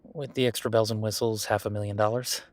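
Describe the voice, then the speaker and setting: A man plays a young billionaire, friendly and self-deprecating, in an intimate, casual audio roleplay, talking to the listener in an informal ramble and playfully defending himself. His natural voice is lowish, with little pitch movement and a quick pace.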